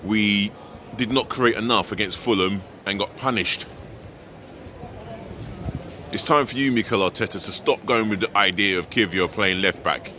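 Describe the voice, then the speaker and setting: A man's voice: on the low side, normal speed, long pauses, pushed and bright, slight background noise. A middle-aged man filming himself outdoors by a stadium, venting frankly as a fan ahead of a match, the camera held at arm's length. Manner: frank, exasperated fan venting about his team. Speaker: football fan vlogger, host. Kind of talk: pre-match vlog to camera. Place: outdoors by a large stadium, city plaza. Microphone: handheld camera at arm's length.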